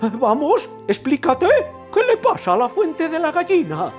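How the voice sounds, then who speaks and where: A man's voice: huge pitch swings, moderate pace, soft background music, exaggerated voice. A man playing a pompous, tyrannical medieval lord who rants and stammers when flustered. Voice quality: stammering, shrill. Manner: pompous, ranting, easily flustered.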